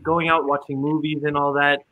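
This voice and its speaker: Heard through narrow, tinny audio without room sound, this Filipino-accented man in his twenties speaks at a moderate pace in a high-leaning voice with little pitch movement. A guest singer on the radio, he chats casually, mixes Tagalog into his English, and fills his speech with fillers.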